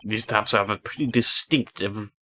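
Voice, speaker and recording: A man's voice: fairly low pitch, moderate pace, bright, forceful tone. A man voicing a stern, exacting prosecutor from a video game in a formal, dry manner. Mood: serious, measured. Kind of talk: video game character reading.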